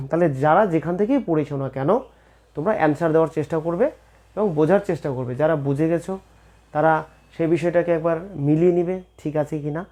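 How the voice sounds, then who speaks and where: A man's voice: a little high, fairly quick, darkish tone. A man teaching an exam-prep class, with a Bengali accent, who keeps asking questions and answering them himself.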